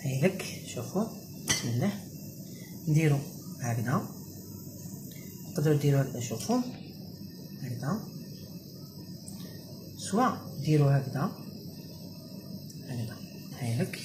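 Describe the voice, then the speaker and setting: A woman's voice: low voice, very animated, normal speed, pauses often, background noise. A woman with an Algerian Arabic accent hosts a home cooking demonstration. She keeps telling viewers to look as she works, and mixes French words into her speech. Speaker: cooking show host.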